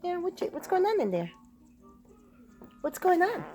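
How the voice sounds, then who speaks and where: A woman's voice: extremely high pitch, big pitch swings, moderate pace, dark tone, soft background music. Woman coaxing her parrot in sing-song. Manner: mixes in Spanish pet words. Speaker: pet bird owner. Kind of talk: casual vlog talking to a pet parrot.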